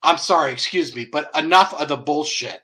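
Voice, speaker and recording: A man's voice: fairly high pitch, fairly quick, pushed and bright. A man hosting an online commentary show, blunt and profane, chuckling mockingly as he rants. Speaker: host.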